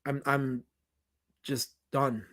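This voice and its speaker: Speaking extremely slowly in a mid-range, fairly bright voice with little pitch movement, a documentary director with a New York accent hosts a livestream Q&A. He reads viewer comments in casual chat and rambles emphatically through answers, with plenty of restarts and repetitions.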